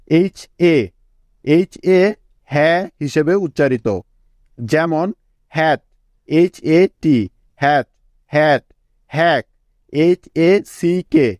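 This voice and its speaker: A man with a Bangladeshi accent and a fairly high voice leads a phonics lesson, sounding out English words letter by letter and saying each one twice. The recording is dry and close, with no room sound around him. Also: darkish tone, no room sound. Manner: spells words letter by letter, repeats each word slowly; checks in with listeners often. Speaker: English teacher.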